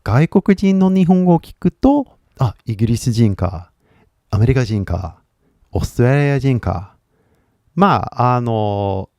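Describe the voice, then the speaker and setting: A man's voice: mid-range voice, gravelly, a little mellow, no echo, clean studio sound. A man who is a native English speaker, chatting casually on a livestream as an English teacher, rambling and switching between Japanese and English with frequent laughter.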